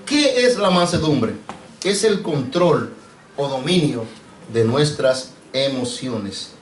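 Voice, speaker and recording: Un pastor predicando con acento caribeño a su congregación, con preguntas frecuentes y tratándolos de hermanos. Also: male voice, mid-range voice, lively intonation, slow, a little hiss or hum. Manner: preachy, asks the congregation questions, addresses them as brother. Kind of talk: sermon. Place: church sanctuary. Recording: echoey church, mic off at a distance.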